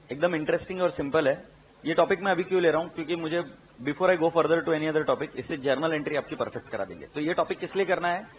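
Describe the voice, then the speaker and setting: A man with an Indian English accent teaching accountancy, mixing Hindi and English, repeating key terms slowly for dictation and asking his students questions. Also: fairly high pitch, slight background noise. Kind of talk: classroom lecture.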